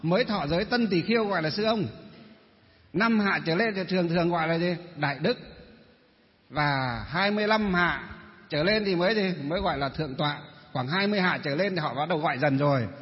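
A male Buddhist monk with a Northern Vietnamese accent gives a dharma talk, asking rhetorical questions and answering them himself. His voice is fairly high and a little fast, recorded in a reverberant hall with a dull, muffled sound.

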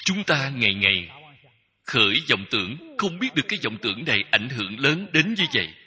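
A man giving a Buddhist dharma talk as a teacher, speaking in slow, measured short phrases that repeat. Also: mid-range voice, sing-song, pushed and bright, breathy edge. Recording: long hall reverb.

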